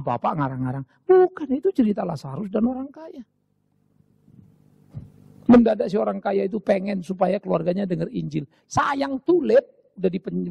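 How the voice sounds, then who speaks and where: Gravelly, animated Indonesian preacher man. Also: high-pitched, dry recording, lo-fi sound. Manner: animated preaching, swinging from shouts to whispers. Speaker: pastor. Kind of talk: sermon.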